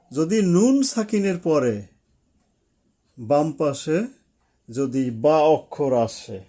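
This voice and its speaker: A man's voice: a little high, mellow. A man teaching a lesson at a board, explaining each rule step by step and repeating it.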